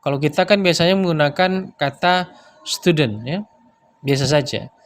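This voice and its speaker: A man lectures in a loose, conversational way. His voice sits a little high, and he fills his pauses with short tag words as he explains. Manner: explains with many fillers like "nah" and "ya". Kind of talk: casual lecture.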